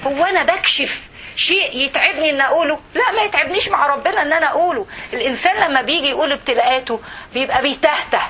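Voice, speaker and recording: Fast, bright-voiced Egyptian woman preacher. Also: sits high, slight background noise. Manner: animated, asks the audience rhetorical questions. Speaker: religious speaker. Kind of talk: religious talk to women.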